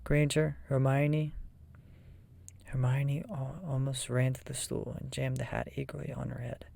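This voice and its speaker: A person reading a children's fantasy novel aloud in a soft, breathy ASMR whisper. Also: mid-range voice, flat delivery, a little slow, dry recording. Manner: soft whisper, often voiceless.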